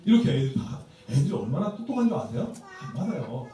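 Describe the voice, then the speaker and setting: A man's voice: mid-range voice, sing-song, quick pace, warm tone. A man who is a pastor gives a humorous seminar talk to church teachers. He tells stories in a playful way and acts out quotes. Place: church sanctuary. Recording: echoey church hall from far off.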